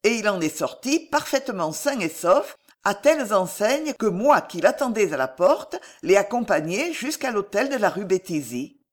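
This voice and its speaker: A woman's voice: mid-range voice, big pitch swings, normal speed, hardly any pauses. Woman reading a courteous young chevalier. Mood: reassuring. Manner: courteous, reassuring.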